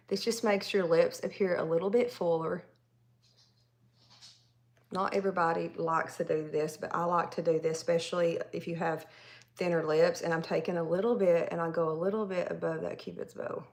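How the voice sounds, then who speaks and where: A woman in her forties from Tennessee with a Southern accent, chatting casually with viewers while she does her makeup on a livestream. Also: fairly low pitch. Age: 40s. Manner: chatty, rambling, addresses viewers directly. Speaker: makeup artist livestream host.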